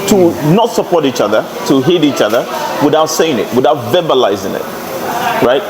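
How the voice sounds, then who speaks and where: A man's voice: on the high side, lively intonation, normal speed, a crowd in the background, rough recording. A man from Cameroon, a restaurant owner talking earnestly in his restaurant, searching for words as he goes. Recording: loud background noise in a restaurant.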